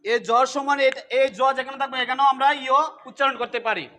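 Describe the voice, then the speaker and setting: A man's voice: very high-pitched, fairly even intonation, quick pace, bright, forceful tone. A man teaching pronunciation for scripture recitation, explaining rules step by step and repeating example words. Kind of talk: pronunciation lesson.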